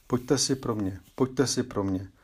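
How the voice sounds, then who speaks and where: A man voicing a gentle orphan girl in a fairy tale, pleading tearfully. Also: medium pitch, breathy edge, lightly acted.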